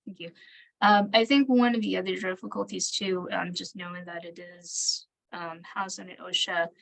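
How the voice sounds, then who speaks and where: Lowish-voiced woman fielding questions, tentative. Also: steady tone, normal speed, creaky, a bit bright. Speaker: training presenter, local government staffer. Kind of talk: spontaneous answers in an online Q&A.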